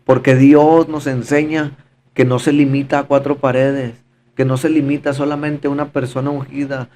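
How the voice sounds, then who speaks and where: A man's voice: medium pitch, little pitch movement, normal speed, a little mellow, a little hiss or hum. A man giving a fervent, repetitive personal testimony in conversation, often calling his listener brother. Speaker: podcast guest giving testimony.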